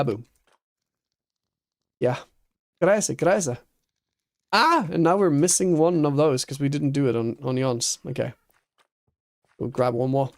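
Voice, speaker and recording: Slow-talking streamer chatting while building. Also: male voice, mid-range voice. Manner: chatty, thinks aloud, laughs easily. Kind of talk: casual chat while playing a building game.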